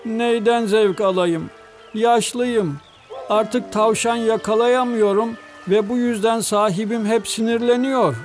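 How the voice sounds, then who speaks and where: A man's voice: high voice, steady tone, slow pace, over music, pitched above the performer's own voice. A man voicing an old, sad male dog in a storybook, sighing and complaining. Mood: mournful. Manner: sighing, mournful.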